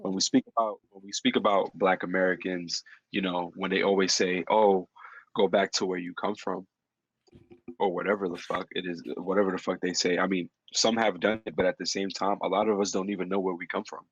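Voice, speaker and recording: A man chatting on a podcast with a very low, husky voice. He rambles with frequent ums and casual cursing. The sound is dry and somewhat dull. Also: level tone, fairly quick, no room sound. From Dominican heritage. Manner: loose, profane, thinks aloud with many ums. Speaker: podcast host. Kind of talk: casual chat.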